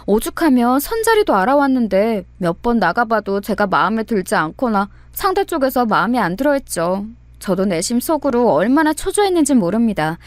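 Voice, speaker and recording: A woman reading a true-life story aloud in an expressive, conversational radio-story style. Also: fairly high pitch, a little fast, few pauses, dry recording. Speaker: story narrator.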